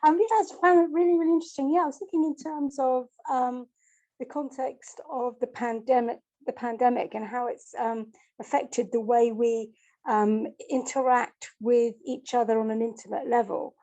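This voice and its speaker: A woman's voice: fairly high pitch, fairly even intonation, moderate pace, mellow. A woman joining an online panel discussion from the audience over a video call, friendly and musing with some ums. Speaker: audience participant.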